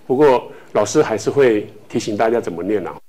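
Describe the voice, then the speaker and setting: A man from Taiwan teaching a language class, speaking slowly with many filler tags and repeating words for students to echo. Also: lowish voice, expressive, dark tone. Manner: filler-heavy speech with frequent "hou" tags.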